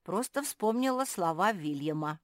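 A woman voicing an excitable young female pug in a children's audiobook, high and shouting. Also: normal speed, no echo, clean studio sound, lightly acted. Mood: cheerful.

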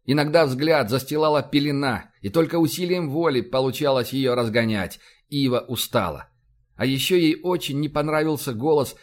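A man narrating an audiobook in a steady, dramatic reading. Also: medium pitch. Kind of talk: scripted narration.

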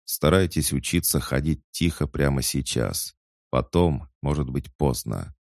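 A man playing a stern adult commander who speaks in a measured, authoritative way. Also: extremely low pitch, vocal fry, dry recording, studio quality, full character voice. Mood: commanding.

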